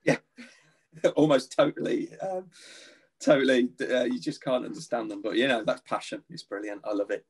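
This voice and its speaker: A man's voice: mid-range voice, moderate pace, husky. A man talking as a guest actor in a casual podcast chat, laughing at himself. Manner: self-deprecating, laughing.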